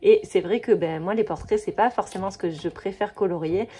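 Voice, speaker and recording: A woman in her thirties talks casually to her camera in a mellow, slightly husky voice. She gushes freely about what she loves, filling her talk with fillers and small restarts. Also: medium pitch, a little fast. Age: 30s. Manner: chatty, gushing, many fillers and restarts. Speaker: coloring book vlogger. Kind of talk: casual chat.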